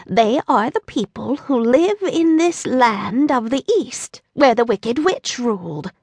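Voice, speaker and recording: A woman voicing a tiny, kindly old woman with a sweet voice who speaks slowly and courteously. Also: on the high side, breathy edge, no room sound, full character voice. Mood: calm. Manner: slow, courteous, calm.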